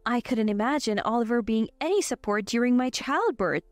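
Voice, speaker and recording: A woman in her twenties narrating a scripted first-person story with an even, steady delivery. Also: on the high side, brisk, dry recording, faint music behind. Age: 20s.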